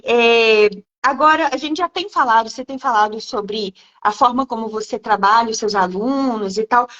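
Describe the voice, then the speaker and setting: A woman hosts a live stream and reacts to her guest with curiosity. Her pitch moves a lot, and it sits a bit high. The audio sounds dull and lo-fi. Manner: lively, curious, reacting with interest. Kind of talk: casual live-stream interview.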